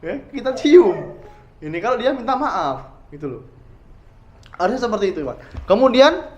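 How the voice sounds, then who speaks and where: A man preaching a conversational religious lecture, talking directly to his listeners and asking them questions, moving between loud stress and quiet asides. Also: sits high, muffled recording. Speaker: Islamic preacher.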